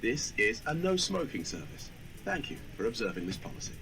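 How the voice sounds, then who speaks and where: A man giving a formal, measured airline cabin announcement over a public-address loudspeaker. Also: medium pitch, very animated. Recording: distant loudspeaker with loud cabin noise.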